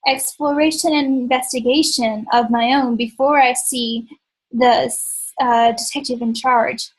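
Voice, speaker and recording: A woman's voice: on the high side, fairly even intonation, unhurried, slightly rough, low-quality recording. A woman hosting a let's play, chatting as she plays, thinking aloud, and tossing in sarcastic asides. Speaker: gaming channel host.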